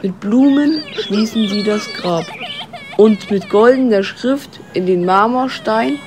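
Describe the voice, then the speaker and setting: A woman narrating a ballad as a measured, declamatory dramatic recitation. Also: mid-range voice, darkish tone, slight background noise. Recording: music under the voice.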